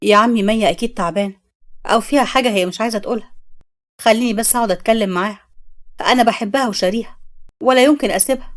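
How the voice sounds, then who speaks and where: A woman's voice: a little high, very fast, long pauses, lightly acted. A woman voicing a devoted young male fiancé who speaks earnestly, with an Egyptian accent. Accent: Egyptian Arabic.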